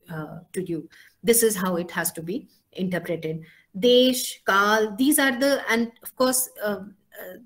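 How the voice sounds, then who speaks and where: A woman gives an academic philosophy lecture, pausing often with fillers. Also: medium pitch, a bit bright. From India. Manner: frequent hesitations with "uh" and "you know".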